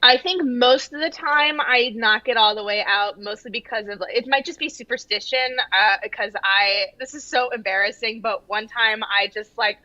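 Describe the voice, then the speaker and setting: A young woman chatting casually as an interview guest, halting and self-deprecating, talking over a video call. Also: medium pitch, pushed and bright, no room sound. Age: young adult. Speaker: guest playwright. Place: small room at home, indoors. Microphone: computer mic on a video call. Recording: slightly dull video-call audio.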